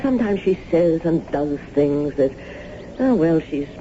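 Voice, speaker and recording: On a dull, noisy old radio broadcast, a woman with a low, warm, expressive voice portrays an eccentric, genteel lady landowner in a drama. She speaks a little slowly, with gushing, gracious, old-fashioned formality.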